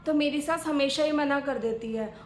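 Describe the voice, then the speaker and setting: A chatty young married daughter who keeps complaining about her in-laws, voiced by a woman. Her voice is high, and the skit is recorded in an echoey room. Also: moderate pace, a little hiss or hum, natural voice. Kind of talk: family skit acting.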